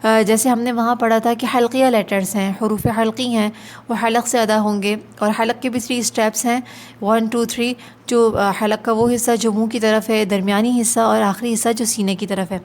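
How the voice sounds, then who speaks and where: Woman, fairly high voice, patient tajweed teacher drilling letters slowly. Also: level tone, a little mellow. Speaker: Quran recitation teacher. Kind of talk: online tajweed lesson.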